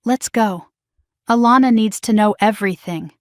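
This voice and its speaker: A tense young man gives clipped, urgent orders in a storybook narration, as a woman reads him in her own mid-pitched voice. The sound is dry and close, with no room around it. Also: moderate pace, no echo, lightly acted. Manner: terse, urgent. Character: tense young man driving family to safety.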